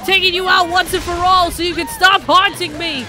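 A woman streaming a video game live, swearing, yelling at enemies and cracking jokes. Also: extremely high pitch, steady tone, moderate pace, soft background music. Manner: profane, yells at the game, jokes. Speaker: gaming streamer. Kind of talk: live gameplay commentary.

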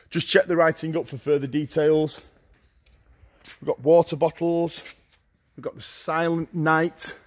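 A middle-aged man walking through a large warehouse, listing auction lots in short, brisk phrases as he goes. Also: fairly high pitch. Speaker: auctioneer giving a viewing tour. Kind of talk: walking tour commentary. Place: large indoor warehouse with shelving.

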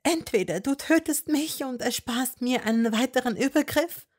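A woman's voice: high-pitched, normal speed, voice pushed up. A woman reading a fan story and voicing a desperate young witch who presses and pleads insistently. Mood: urgent, challenging. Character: desperate, stubborn young witch held captive.

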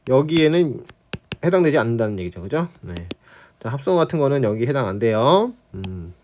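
A Korean language teacher lecturing on spelling rules, repeating key phrases and checking in with students. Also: male voice, on the high side.

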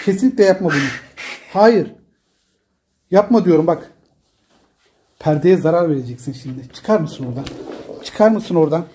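A man talking casually at home, pleading and gently scolding with repeated short commands to calm down. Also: fairly high pitch, moderate pace, long pauses, a little hiss or hum. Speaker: father filming his daughter at play.

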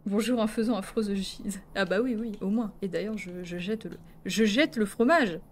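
A woman's voice: medium pitch, normal speed, slight background noise. A woman streaming a video game, chatting playfully with her viewers and full of exclamations. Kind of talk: casual live-stream gaming commentary.

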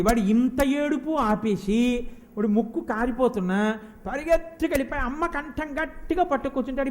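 A man giving a devotional discourse, animated, often putting questions to his listeners and swinging from quiet to loud. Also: extremely high pitch. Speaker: devotional speaker.

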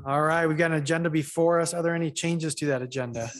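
A man, the mayor, chairing a city council meeting in a relaxed, informal way. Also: a little high, fast. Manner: relaxed, informal procedural talk.

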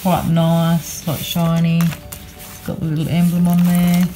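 A woman's voice: on the low side, completely flat delivery, slow, music in the background. An Australian woman chatting casually about her shopping, rambling with lots of ums and yeahs, recorded on a phone in a car at night. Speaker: vlogger. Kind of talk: casual haul chat.

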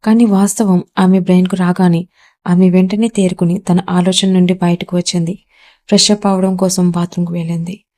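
A woman's voice: on the low side, level tone, brisk, a little mellow. A woman narrating a romance story, reading the lines of the man and the woman herself in her own voice. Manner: reads both lovers' lines in her own voice.

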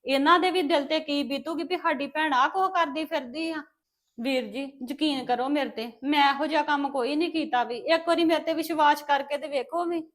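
Actress as a tearful, pleading young daughter in a family drama, high voice. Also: female voice, fairly quick, a bit bright. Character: young unmarried woman, wrongly accused daughter.

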